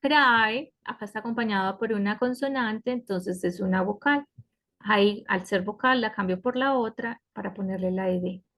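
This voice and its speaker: A woman teaching an online English class, explaining slowly and patiently and often checking in with her students. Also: mid-range voice, fairly bright tone. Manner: slow, patient explaining with frequent checks like "¿cierto?". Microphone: computer mic on a web conference.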